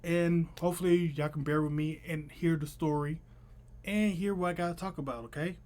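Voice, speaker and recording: A young adult man vlogs from a small room at home, telling a story to camera in casual, slangy speech. His voice is fairly high, steady, and darkish, a little fast, with a lisp that slurs his s sounds toward sh.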